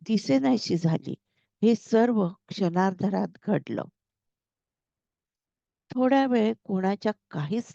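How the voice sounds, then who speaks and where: A woman storyteller narrating a story in a slow, deliberate way, in a dull lo-fi recording. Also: on the low side, vocal fry, dark tone, no echo.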